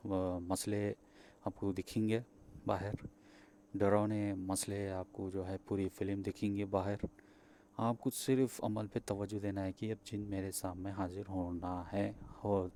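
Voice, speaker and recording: A man's voice: lowish voice, little pitch movement, warm tone, a little hiss or hum. A man with a Pakistani Urdu accent, a spiritual practitioner, teaching viewers a ritual step by step, repeating points and checking in often, with some hesitant fillers. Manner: repeats steps, checks in with "theek hai". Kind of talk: spoken instruction to viewers.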